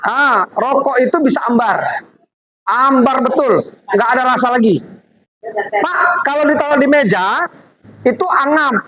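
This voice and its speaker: A woman's voice: a little high, a bit bright, poor audio. A woman giving a live product demonstration to a group, chatty and coaxing as she directs volunteers. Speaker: MLM product presenter. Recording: audience crowd noise behind.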